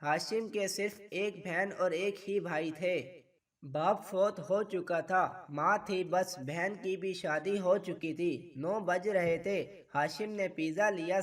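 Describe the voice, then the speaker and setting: Male storyteller, high voice, reads a tender romance, a little off-mic. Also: a bit bright, far from the mic. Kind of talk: reading a sad romance story aloud.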